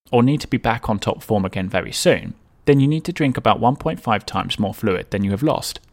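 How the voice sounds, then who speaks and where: A man presenting scripted advice as a coach and podcast host, in a tidy, structured, instructional way. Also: medium pitch.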